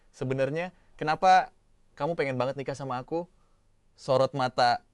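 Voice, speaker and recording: A man's voice: lowish voice, smooth, no room sound. A man telling a story recap in a chatty, slangy first-person way.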